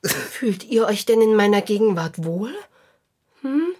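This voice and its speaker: A woman's voice: medium pitch, expressive, measured pace, a little mellow, slightly rough. An actress playing a grumpy, gloomy female clown in a children's radio play, talking in a sulky, self-pitying way. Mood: glum.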